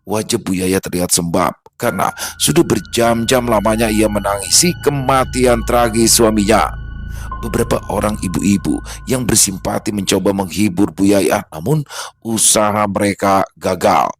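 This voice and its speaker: A man narrating a horror story in a steady, measured storytelling voice. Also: on the low side. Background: faint background music.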